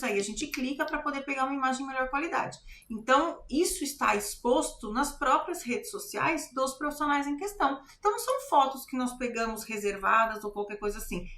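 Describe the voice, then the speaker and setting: A woman's voice: high voice, pushed and bright. A woman with a Brazilian Portuguese accent, co-hosting a casual live class and explaining her points firmly. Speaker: co-host instructor. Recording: echoey room with faint ambience.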